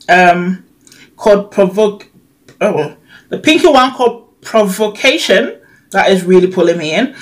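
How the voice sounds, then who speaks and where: A young woman with a lisp, as if wearing a retainer, talking casually and a little hesitantly as a beauty vlogger. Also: mid-range voice. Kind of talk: casual chat, product review. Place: bedroom, indoors.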